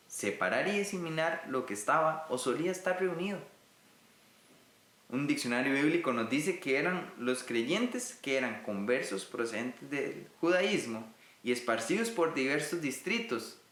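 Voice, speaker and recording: A man's voice: a little high, fairly bright tone, echoey room. A man from Rica, teaching a recorded Bible lesson in an earnest way and speaking directly to his listeners. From Costa Rica.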